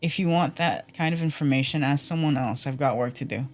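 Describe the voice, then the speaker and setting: A man's voice: on the high side, fairly quick, faint music behind, close to an everyday voice. A man reading as a curt, irritable young villager. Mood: curt, dismissive. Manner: curt, dismissive. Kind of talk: reading game dialogue aloud.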